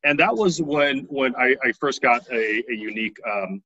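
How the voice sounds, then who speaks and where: A man's voice: mid-range voice, lively intonation, moderate pace, bright, forceful tone, slightly rough, highs cut off. A man in his thirties from Taiwan, telling his life story casually as an interview guest, often tagging his lines with "right?".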